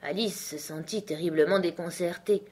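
A woman narrating a storybook in a calm, measured reading voice. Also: fairly low pitch, breathy edge. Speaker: audiobook reader.

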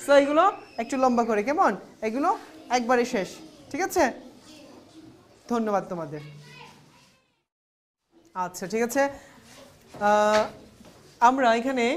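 A woman with a Bangladeshi accent teaching young pupils in a classroom, calling out single English words slowly and clearly for them to repeat. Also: on the high side, a little hiss or hum. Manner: slow, clear drilling of single words, mixing languages. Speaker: primary school English teacher.

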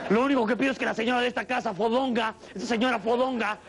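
Man doing a furious Mexican dad yelling at dinner. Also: extremely high pitch, steady tone, racing, gravelly, crowd noise, noisy background. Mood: fake-polite. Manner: shouting, bossy, sarcastic. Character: loud furious middle-aged father ranting at dinner.

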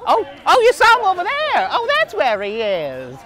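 A young man switching between impression voices of sweet, excitable cartoon characters in playful in-character chat. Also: very high voice, normal speed, heavily acted. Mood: playful, chummy. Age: young adult. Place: outdoors at a busy theme park. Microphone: camera a few steps away. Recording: outdoor theme park crowd noise.

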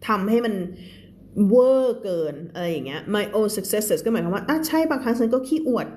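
A woman teaching English on a live stream with a Thai accent. She reads English lines slowly and explains them quickly, laughing often. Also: mid-range voice, animated, background noise. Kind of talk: live-streamed reading lesson.

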